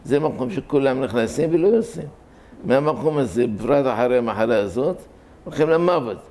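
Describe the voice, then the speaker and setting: A man's voice: mid-range voice, expressive, darkish tone, lightly acted. A man voicing a stern head nurse who scolds in disbelief, in a sermon story. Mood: scolding. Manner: scolding, incredulous.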